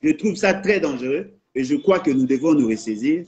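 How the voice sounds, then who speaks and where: A man's voice: a little high, expressive, brisk, a little mellow, muffled recording. A man from the Congo with a Congolese French accent, delivering an impassioned political monologue that repeats its points for emphasis. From Democratic Republic of the Congo. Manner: insistent, repeats points, mixes in Lingala phrases.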